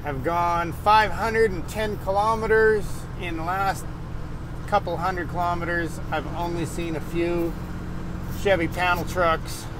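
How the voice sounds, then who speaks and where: A man's voice: sits high, fairly even intonation, unhurried. Chatty Canadian man driving. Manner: chatty, upbeat, with fillers. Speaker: car-hunting vlogger. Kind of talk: casual driving vlog commentary. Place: inside a moving vehicle. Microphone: camera on the dashboard. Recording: loud road noise. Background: car and engine noise.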